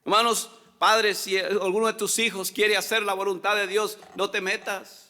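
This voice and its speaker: Male pastor, very high and bright voice, preaching in a reverberant church, loud then hushed. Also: level tone, normal speed. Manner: preaching, repeats "hermanos" often, swings between loud and hushed. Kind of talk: sermon. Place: church hall. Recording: long church hall reverb.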